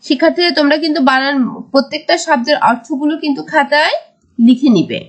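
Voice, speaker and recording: A woman teaching a primary school English lesson, mixing English words with Bengali explanations and drawing words out slowly. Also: high voice. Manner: slow, drawn-out word-by-word teaching. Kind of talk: recorded classroom lesson.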